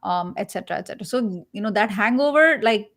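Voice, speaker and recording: A woman from India with an Indian accent, a career coach speaking as a guest in a casual panel chat on a video call, animated, sarcastic and expressive. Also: mid-range voice, fast.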